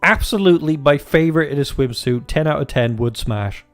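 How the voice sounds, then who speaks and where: With a brisk, animated voice on the high side, a gaming video host plays a farming game and offers crude, joking, casual commentary. He rambles and often restarts his sentences, with faint game music in the background.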